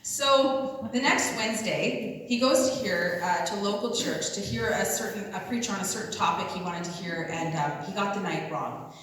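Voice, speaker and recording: A woman giving a personal faith testimony at a retreat, telling it as lively, conversational storytelling. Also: mid-range voice, moderate pace, slight background noise. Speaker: retreat speaker. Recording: echoey hall, mic far off.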